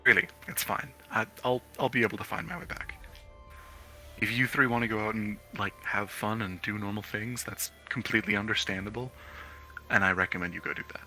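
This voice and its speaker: A man's voice: fairly low pitch, fairly even intonation, a little fast, bright, forceful tone, soft background music, rough recording. A man playing in a tabletop game, explaining himself in an earnest, casual way. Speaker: player.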